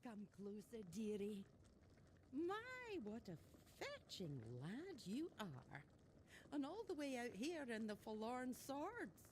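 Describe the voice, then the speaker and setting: A woman's voice: a little high, very animated, slow, a little mellow, a little hiss or hum. Merry, swooping older village shopkeeper woman. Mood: coy, flirtatious. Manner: teasing, folksy, chuckling storyteller. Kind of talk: video game character dialogue.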